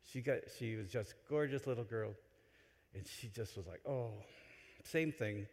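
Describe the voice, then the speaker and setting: A man delivering a homily in a church, telling stories with animated swings between loud excitement and quiet asides. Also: on the low side, moderate pace. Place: large church. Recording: long church reverb. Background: church hall.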